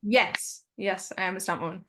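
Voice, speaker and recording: A woman with a New Zealand accent, a stunt performer guest in a casual interview, relaxed and friendly as she explains things. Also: on the low side, moderate pace.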